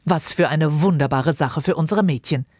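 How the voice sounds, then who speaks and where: A woman reading aloud and voicing a fussy, excitable middle-aged mother who is desperate to marry off her daughters, speaking in a shrill, insistent, gushing way. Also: normal speed, husky, no echo, studio quality. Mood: eager, insistent. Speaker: reader. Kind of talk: dramatized audiobook reading.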